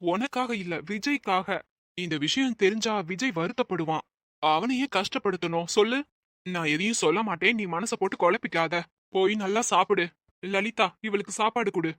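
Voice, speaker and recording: A woman playing a calm, steady middle-aged husband in a family drama skit, speaking in a reassuring, measured way. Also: medium pitch, dry recording, clean studio sound, natural voice.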